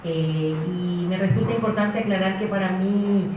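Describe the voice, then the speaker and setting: A woman's voice: mid-range voice, normal speed, slight background noise. A woman from Paraguay speaking as an educator on a panel, hesitant and self-deprecating with frequent filler sounds. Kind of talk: panel talk. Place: community center hall. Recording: echoey hall, far mic, dull sound.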